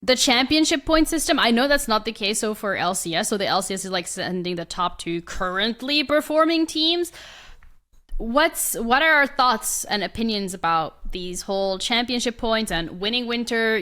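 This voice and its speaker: A woman's voice: medium pitch, sharp tone. A woman hosting an esports podcast, teasing the others and steering the talk with questions. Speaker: podcast host. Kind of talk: casual esports chat.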